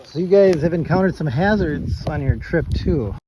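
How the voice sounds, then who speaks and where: A man's voice: a little high, animated, normal speed. A man hosting a birding vlog, chatting casually and narrating outdoors, laughing easily. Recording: outdoor recording with background noise.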